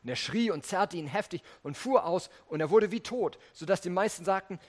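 A man's voice: high-pitched, lively intonation, a little fast, a little mellow. A man preaching a sermon, reading scripture and earnestly speaking straight to his listeners. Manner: earnest, addresses listeners directly.

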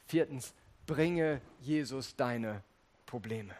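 A man's voice: mid-range voice, takes it slowly, darkish tone. A man preaching a sermon, reading scripture and earnestly speaking straight to his listeners. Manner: earnest, addresses listeners directly.

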